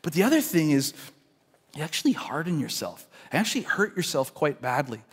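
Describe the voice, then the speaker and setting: Speaking briskly in a husky, slightly high voice with big pitch swings, a male pastor delivers an earnest, conversational sermon in a church sanctuary, frequently restarting sentences. The recording carries long church hall reverb.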